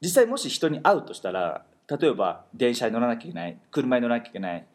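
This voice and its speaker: Husky, fast-talking male host. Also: medium pitch, big pitch swings. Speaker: host teaching pronunciation. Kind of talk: explanatory chat.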